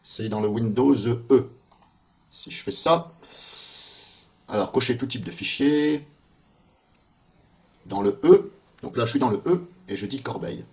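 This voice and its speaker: A man talks through a software walkthrough while recording his screen. He thinks aloud and mutters in puzzlement as he clicks through the menus. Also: medium pitch, measured pace, long pauses, lo-fi sound. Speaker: software tester.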